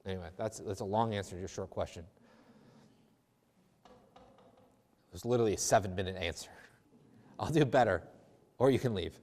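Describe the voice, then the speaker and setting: A man's voice: on the low side, moderate pace, long pauses, darkish tone. A man, a theology lecturer, answering audience questions in a conversational, discursive way with self-deprecating asides and frequent restarts, speaking in a chapel. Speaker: theology lecturer giving a talk. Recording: long chapel reverb.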